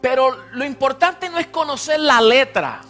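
A preacher giving a sermon in short phrases, pausing for an interpreter, with some halting restarts and emphatic peaks. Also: high voice, a bit bright, faint music behind.

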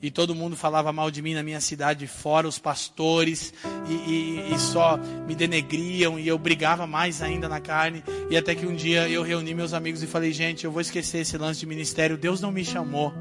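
A man from Brazil giving an animated sermon testimony, swinging from hushed asides to loud outbursts. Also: on the high side, moderate pace, few pauses, music in the background. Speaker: preacher telling his testimony.

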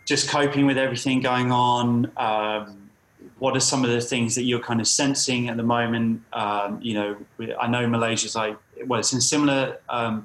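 Male podcast host, informal and hesitant, mid-pitched, roomy echoing sound. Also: fairly bright tone, a little hiss or hum. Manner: hesitant, loosely phrased. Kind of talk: casual chat. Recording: echoey room sound.

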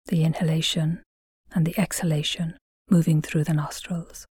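Speaking in a low, husky register, a woman leads a gentle mindfulness meditation with a calm, flat delivery. Her soft, measured phrasing trails off breathily, separated by long pauses. The sound is clean studio audio with no room sound.

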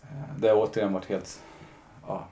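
A man's voice: fairly low pitch, flat delivery, warm tone. A man, a podcast guest, telling his own story in a candid, reflective way, often retelling conversations with lots of fillers.

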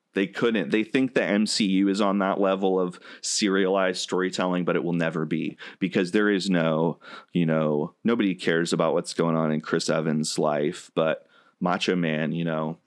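A man on a podcast, casually retelling a wrestling match as an animated storyteller with lots of fillers. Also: sits low, a little slow.

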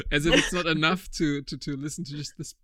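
A young man in his twenties hosts a laid-back podcast, talking in a rambling, chatty way and laughing often. His voice sits a touch high for a man, and the sound is dry and close. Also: steady tone, fairly quick, pushed and bright, no echo. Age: 20s. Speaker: podcast host. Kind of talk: casual chat.

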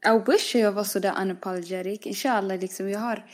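A woman's voice: medium pitch, fairly even intonation. A woman in casual conversation, responding supportively and mixing English phrases into her talk. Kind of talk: casual chat.

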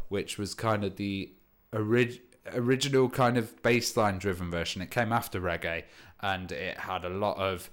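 A man's voice: sits low, a bit bright. A man hosting a DJ music show in casual, explanatory livestream chat, speaking into headphones used as a microphone.

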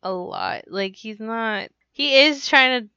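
A young woman in casual chat, often pausing and trailing off as she searches for words. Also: on the high side, animated, sharp tone, clean tone, no room sound. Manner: hesitant, trails off, many fillers. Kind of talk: casual chat about a cartoon. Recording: dry, dull lo-fi sound.

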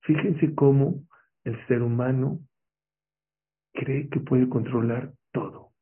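A man's voice: medium pitch, fairly even intonation, slow. A man giving an emphatic motivational religious talk, often putting rhetorical questions to his audience. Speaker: motivational speaker. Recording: tinny, phone-like lo-fi recording.

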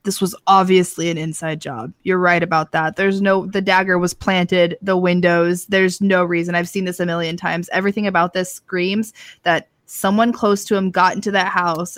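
A woman voicing a huge, grumpy, cold-blooded male creature in a tabletop game, speaking in a gruff, matter-of-fact way. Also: on the low side, fairly even intonation, normal speed, no room sound, close to an everyday voice. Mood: assured.

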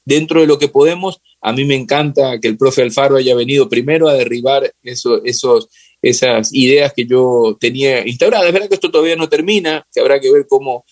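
With an Ecuadorian accent and a medium-pitched voice, a man talks fairly quickly as an interview guest, reflecting casually on football. He often stalls for words and repeats phrases, in a recording without room sound.

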